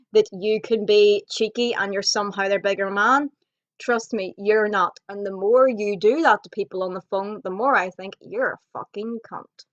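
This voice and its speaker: A young woman, ranting bluntly and swearing a lot in a casual vlog. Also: mid-range voice. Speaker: vlogger. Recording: dull lo-fi home video audio.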